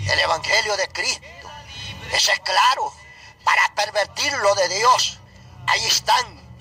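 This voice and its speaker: Guy preaching hard, real high sharp voice, keeps repeating himself, yells the big lines. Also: low-quality recording. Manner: impassioned, repetitive preaching with shouted peaks. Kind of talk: sermon.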